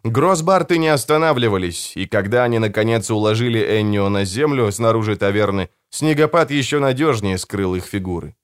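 A man reading a dark fantasy novel aloud as an audiobook narrator, in measured storytelling. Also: on the low side, clear, resonant tone. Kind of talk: dramatic scripted narration.

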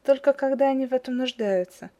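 A woman's voice: sits high, fast talker, dark tone, voice pushed up, close to an everyday voice. A woman voicing a polite, cheerful young woman runner.

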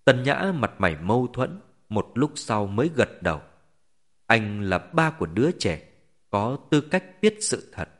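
A man narrating a web novel as an audiobook, with expressive storytelling. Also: mid-range voice, unhurried.

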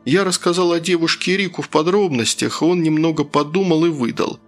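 A man reading a first-person fantasy audiobook in a steady storytelling voice. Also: a little high, fairly quick, soft background music. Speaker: audiobook narrator.

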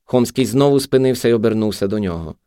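A man narrating a novel aloud in an expressive, animated reading. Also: mid-range voice, fast, clear, resonant tone, dry recording, studio quality.

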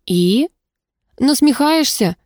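A gruff, stubborn heavyset colonel who hisses and grumbles his words, as a woman narrator reads him. The voice is mellow and dark in tone, close and dry with no room around it. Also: high voice, lively intonation, takes it slowly, dry recording, voice pushed up, exaggerated voice. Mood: grumbling. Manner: hissing, grumbling, insistent. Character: gruff fat middle-aged male police colonel.

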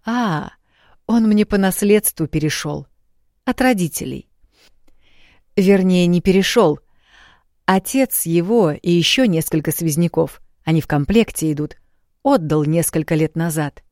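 A tender, lovestruck young prince who murmurs softly, as a woman narrator puts him on. The voice sits low, with dark, mellow tones, and it is recorded close and dry. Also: measured pace, long pauses, dry recording. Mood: brisk.

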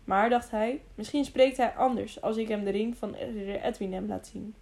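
A woman narrating an audiobook in a steady reading voice, sometimes restarting a word. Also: on the high side, moderate pace.

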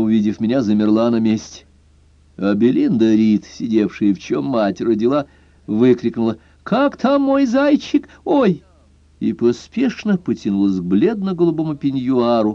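A man reading a first-person detective novel aloud in a lively, expressive way, in a dull lo-fi recording. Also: mid-range voice, dry recording. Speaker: audiobook narrator. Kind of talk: scripted first-person narration.

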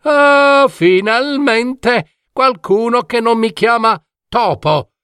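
A man's voice: very high voice, slow, sharp tone, smooth, no echo, clean studio sound, voice pushed up, full character voice. A man voicing a chatty, know-it-all male talking dormouse in a fairy tale he reads aloud, speaking eagerly and proudly. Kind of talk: storybook reading.

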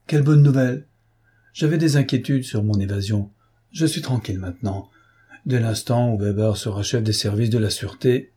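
A man reading the part of an ironic, self-assured gentleman thief in an audiobook, composed and teasing. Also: lowish voice, normal speed, husky.

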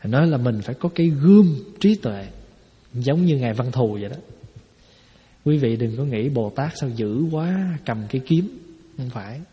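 A Buddhist monk gives a folksy dharma talk to a hall, explaining things through rhetorical questions. His voice is medium-pitched and animated, moving at a moderate pace. The recording sounds dull and lo-fi, with the echo of the hall around him.

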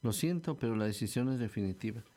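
A man's voice: medium pitch, lively intonation, fast talker, warm tone, close to an everyday voice. A man voicing a stern male hiring manager who speaks curtly and dryly. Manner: curt, dry.

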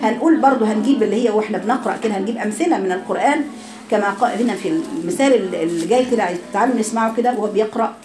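A woman with an Egyptian accent teaching Quran recitation, correcting students and drawing sounds out slowly to demonstrate. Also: medium pitch, background noise. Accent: Egyptian Arabic. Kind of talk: online recitation class.

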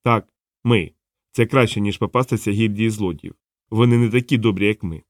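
A man's voice: lowish voice, moderate pace, dry recording, studio quality, close to an everyday voice. A man doing an earnest good-hearted watchman. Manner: patient, sincere, explaining. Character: earnest kind male city watchman.

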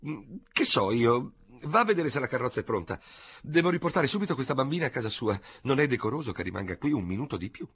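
A man's voice: medium pitch, lively intonation, quick pace, fairly bright tone, husky, pitched above the performer's own voice. A man voicing a fussy, talkative older noblewoman in an audiobook, chattering breathlessly. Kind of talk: audiobook character voice.

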